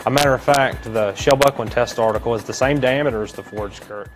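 A man speaking as a test engineer in a documentary interview clip, explaining earnestly with some halting. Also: mid-range voice. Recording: video clip played in the room with music. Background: music.

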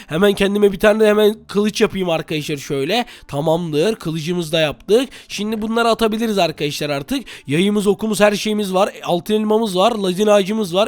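A man hosting a Minecraft gameplay video, excitedly talking to viewers and trash-talking his rival. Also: high voice, no echo. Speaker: gaming channel host.

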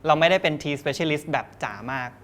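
A man's voice: fairly high pitch, normal speed, a bit bright, a little hiss or hum. A young man, a tea cafe co-owner, chatting in an interview and explaining things step by step in a loose, easygoing way. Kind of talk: casual interview.

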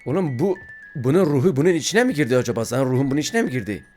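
A man's voice: medium pitch, sing-song, racing, a little mellow, soft background music. A man giving casual gameplay commentary, joking, talking to the game's baby and yelping when startled. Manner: jokey, talks to the game baby, yelps when startled. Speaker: gaming YouTuber.

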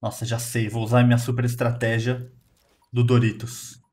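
A man with a Brazilian Portuguese accent, hosting a gaming video and commentating his matches casually, quick to exclaim and laugh at his own plays. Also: mid-range voice, completely flat delivery, darkish tone.

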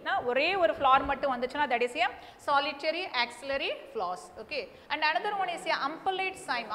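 A woman's voice: high voice, a bit bright. A middle-aged woman with a South Indian Tamil accent, a native Tamil speaker, teaching a classroom lesson that mixes English and Tamil, repeating points emphatically with frequent check-in words. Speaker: botany teacher. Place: indoor teaching studio beside a display board. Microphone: lapel mic. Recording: echoey room with clear background noise.

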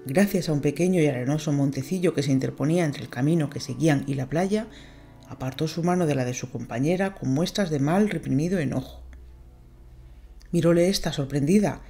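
A woman narrating an audiobook, reading a novel in a measured, expressive way. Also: deep voice.

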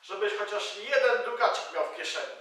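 A boastful but cowed robber whines and wheedles, as a man plays him on stage. His voice is high and bright. It echoes heavily and sounds far from the mic. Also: sing-song, a little fast, exaggerated voice. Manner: whining, wheedling, begging. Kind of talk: stage reading of a play.

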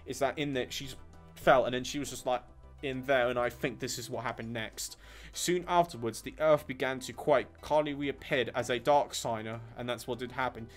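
A man's voice: medium pitch, fairly even intonation, moderate pace, faint music behind. A man giving casual, muttering gameplay commentary, with exasperated asides as he plays. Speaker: gamer doing a let's play.

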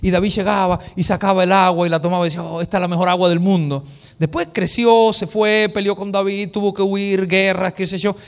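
A male pastor preaching a sermon, telling the story with lively acted-out voices and dropping to a hushed near-whisper for emphasis. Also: sits high, fairly quick, gravelly, clean tone. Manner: animated storytelling, acting out quoted voices.

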